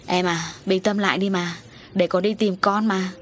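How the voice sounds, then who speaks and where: A woman's voice: mid-range voice, steady tone, moderate pace, a little hiss or hum, natural voice. A woman voicing a middle-aged male landowner who hedges and then snaps in a storybook reading. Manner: hesitant, then snapping. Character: middle-aged man, a landowner, evasive and hot-tempered.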